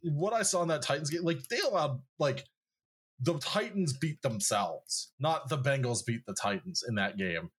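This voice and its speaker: A man's voice: mid-range voice, lively intonation, moderate pace, slightly rough. A man co-hosting a podcast in casual sports chat, thinking aloud and hedging as he goes. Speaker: podcast co-host.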